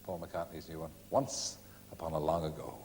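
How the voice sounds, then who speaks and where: A man's voice: very deep voice, flat delivery, normal speed. A man hosting a TV talk show, asking his guests questions in a playful, teasing way. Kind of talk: TV interview. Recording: TV studio audio with long reverb and faint hiss.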